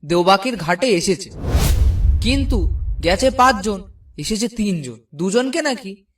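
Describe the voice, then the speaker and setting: A man's voice: high-pitched, lively intonation, measured pace, a bit bright, husky, distant mic, heavily acted. Man voicing a matter-of-fact village man. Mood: calm. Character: village man telling local news.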